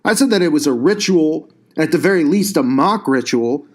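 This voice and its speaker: A man's voice: a little high, animated, moderate pace. Intense, emphatic male commentator. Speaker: channel host. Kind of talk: conspiracy commentary monologue.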